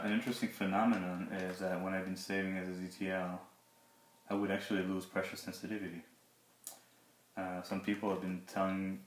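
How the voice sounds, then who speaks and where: A man with a low, flat voice talks through a casual demo. He is halting and slightly awkward, as if nursing a sore mouth after having teeth pulled. The recording is roomy and echoing, with some faint noise. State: in pain after dental surgery. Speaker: product reviewer, 3D artist. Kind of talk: casual unscripted tablet review and demo. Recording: roomy echo, background hiss and clicks.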